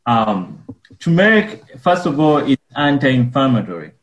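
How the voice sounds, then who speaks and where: A man from Uganda, speaking earnestly and haltingly as a guest in a radio interview. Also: mid-range voice, very animated, echoey room, lo-fi sound. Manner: earnest, halting with frequent pauses. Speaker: guest, wellness business owner.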